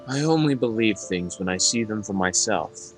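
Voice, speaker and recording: A man's voice: lowish voice, lively intonation, moderate pace, faint music behind, close to an everyday voice, rough recording. A man voicing a sarcastic, playful and menacing demon lord in an amateur game dub. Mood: sardonic. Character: demon lord, sardonic, laid-back, menacing, flirtatious ruler.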